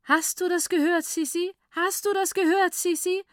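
A woman voicing an overjoyed young woman who stretches each word melodically and gives high ululating cries. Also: steady tone, moderate pace, a bit bright, dry recording. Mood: jubilant. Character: jubilant, gushing young woman, loud and sing-song. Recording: dry close recording.

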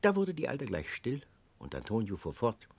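A man reading an audiobook as narrator with expressive, dramatic storytelling. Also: medium pitch, moderate pace, creaky, breathy edge, no room sound.

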